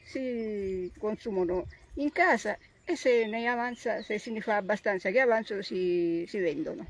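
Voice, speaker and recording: Out on a countryside plot, an older Sicilian woman who grows tomatoes the traditional way explains farm work informally. Her Sicilian Italian accent colors a medium-pitched voice at normal speed, and her phrasing is plain, homespun, and repetitive.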